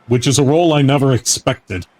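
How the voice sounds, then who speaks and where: A man giving casual, rambling gameplay commentary as a streamer, often pausing mid-thought. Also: mid-range voice, darkish tone. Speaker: video game streamer. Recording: game music behind the voice. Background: video game music.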